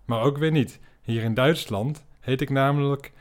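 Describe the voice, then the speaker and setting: A man's voice: mid-range voice, moderate pace, natural voice. A man voicing a know-it-all male crane inventor in a comic story. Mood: explaining.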